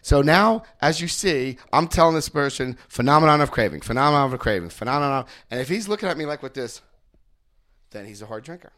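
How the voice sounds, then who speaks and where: Fast and animated, this New Jersey-accented man from New Jersey takes a recovery group through a book in a mid-range, fairly bright voice. As a workshop speaker, he jokes, tells stories, and regularly checks in with the group.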